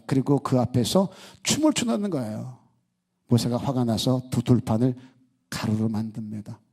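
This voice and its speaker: A man's voice: mid-range voice, darkish tone, breathy edge. A man preaching a sermon as pastor, talking conversationally and asking the congregation many rhetorical questions. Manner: acts out quoted speech in the story.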